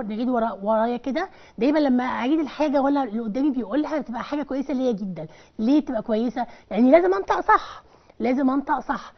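Woman, Egyptian accent, high voice, patient language teacher repeating words, muffled lo-fi TV recording. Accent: Egyptian Arabic. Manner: patient, drills words by repeating them slowly. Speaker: English teacher. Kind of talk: televised language lesson. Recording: dull lo-fi TV broadcast recording.

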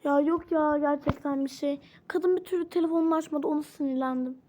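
A woman's voice: high voice, fairly even intonation, a little fast, mellow, slight background noise. A woman casually role-playing a doll game, switching between characters and exclaiming often. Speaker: channel host playing all characters.

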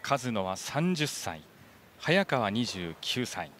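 A man's voice: fairly low pitch, slow pace. A man calling a badminton match live and putting questions to his analyst. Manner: lively play-by-play calling, asks the analyst questions. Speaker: play-by-play commentator. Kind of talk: sports commentary. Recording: broadcast over loud arena crowd and noise.

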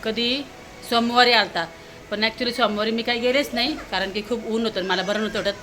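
A young woman from Maharashtra, a mother talking in a casual family vlog, animated, often repeating words in quick calls. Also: fairly high pitch, noisy background. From Maharashtra, India. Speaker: vlogger and mother.

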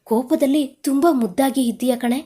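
A woman voicing a playful, apologetic young husband in an audio story, speaking in a soft, coaxing way. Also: high voice, normal speed, breathy edge. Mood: teasing.

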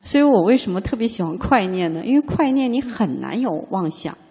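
A woman Buddhist teacher giving a dharma lecture, reading classical lines slowly and then explaining them in chatty plain talk, with frequent fillers and questions to her listeners. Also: on the high side, sing-song, warm tone, husky, in a large hall.

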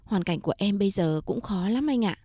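A woman voicing a caring, successful man who speaks softly and reassuringly in a storybook reading. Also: medium pitch, animated, brisk, no room sound, clean studio sound, lightly acted. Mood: gentle.

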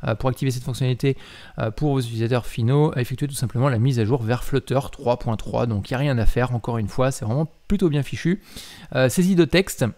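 A man, a mobile app developer, talking casually about a software update, hesitant with many filler sounds and self-corrections as he reads and comments. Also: mid-range voice, quick pace. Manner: reads aloud while commenting. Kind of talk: casual explanatory talk.

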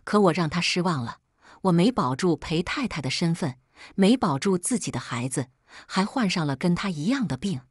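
A woman with a lowish, husky voice tells a first-person story, measured and sorrowful. The sound is close and dry, with no room around it. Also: expressive, no echo. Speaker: story narrator.

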